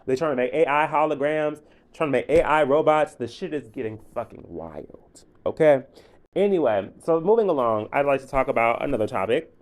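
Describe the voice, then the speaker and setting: A man's voice: medium pitch, animated, a little fast. A man hosting his own podcast, giving blunt, profane solo commentary in a casual, ranting way. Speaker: podcast host.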